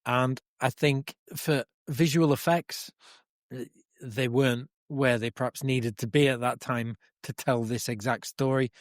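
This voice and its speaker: A man's voice: mid-range voice, steady tone, measured pace, no echo. Dry, sardonic podcast man. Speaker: podcast co-host. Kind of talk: casual chat. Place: cabin in the woods.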